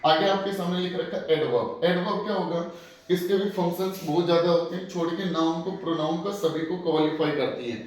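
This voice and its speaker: Echoey Hindi-speaking grammar teacher. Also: male voice, on the high side, fairly quick. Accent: Haryanvi Hindi. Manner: repetitive call-and-response teaching, asks students to repeat terms. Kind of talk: classroom grammar lesson. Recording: very echoey room from far off.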